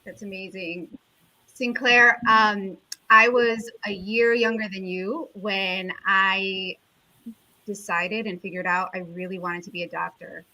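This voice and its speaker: Woman doctor telling her story in an interview, bright clear tone, earnest, lots of ums. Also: medium pitch, fairly even intonation, slow pace, rough recording. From United States. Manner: earnest, reflective, with frequent fillers. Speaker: endocrinologist guest. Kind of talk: conversational interview answer.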